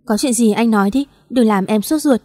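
A woman's voice: a little high, fairly quick, darkish tone, lightly acted. A woman reading a story voices a young pregnant woman in grief, pleading and close to sobbing. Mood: anxious. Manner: pleading, breaking into sobs.

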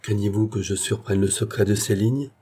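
A man's voice: fairly low pitch, fairly even intonation, normal speed, dark tone, breathy edge. A man voicing a proud, reserved young woman in a read-aloud French love story, speaking with cool bitterness. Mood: haughty.

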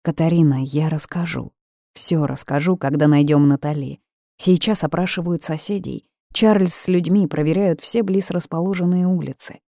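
A woman voicing a quiet, mysterious grown man who speaks gently and with resolve in an audiobook. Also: low-pitched, moderate pace, no room sound, studio quality. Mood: resolute.

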